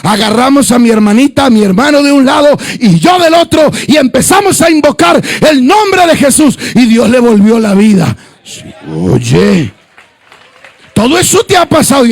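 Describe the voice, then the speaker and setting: A male pastor preaching a sermon, telling stories in quoted dialogue and rising into shouted, singsong fervor. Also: extremely high pitch.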